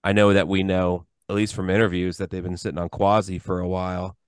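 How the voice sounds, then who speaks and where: A man's voice: sits low, little pitch movement, brisk, clear, resonant tone, no room sound. A man co-hosting a podcast, giving an enthusiastic, rambling film review in casual chat. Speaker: podcast co-host.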